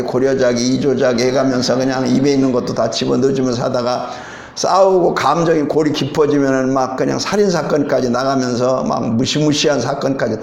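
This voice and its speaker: A man's voice: mid-range voice, gravelly, roomy sound. A middle-aged man preaching a sermon as pastor, telling a story with rising emphasis and frequent rhetorical questions.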